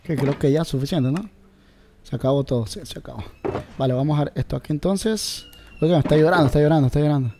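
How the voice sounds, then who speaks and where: A man's voice: fairly high pitch, fast talker, noisy background. A man giving casual gameplay commentary, talking straight to his viewers and searching aloud for words. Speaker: gameplay video creator.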